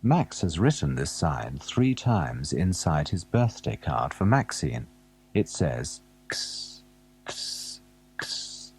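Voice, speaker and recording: A man with a deep, slightly husky voice reads a picture-book story for small children. He takes his time and his pitch rises and falls a great deal as he coaxes the listener to spot things on the page. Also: sing-song, slow pace. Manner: gentle, asks the listener questions and waits. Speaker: narrator of a children's alphabet tape. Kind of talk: scripted storybook narration for young children.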